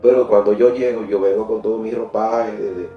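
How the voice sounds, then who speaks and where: A middle-aged man telling a faith testimony in a church interview, animated and often laughing, repeating words when he gets excited. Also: lowish voice, brisk, roomy sound, recorded from a distance, dull audio, faint music behind. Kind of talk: emotional personal testimony.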